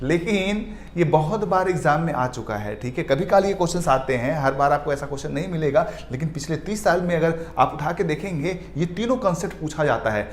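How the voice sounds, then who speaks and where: Male biology tutor, high voice, drawls key terms, rhetorical Q&A style. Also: expressive, a little hiss or hum. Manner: asks questions and answers them himself; mixes in English terms, stretches key words slowly. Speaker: biology teacher. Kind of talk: exam-prep lecture over slides.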